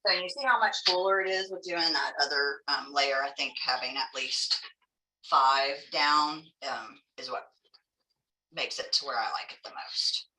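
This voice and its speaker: Bright-voiced woman with soft, w-like r's. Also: deep voice, measured pace, slight background noise. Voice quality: soft r sounds, close to w. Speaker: craft class instructor. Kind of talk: casual step-by-step craft demonstration. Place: indoor room, teaching an online class. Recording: echoey room, distant microphone.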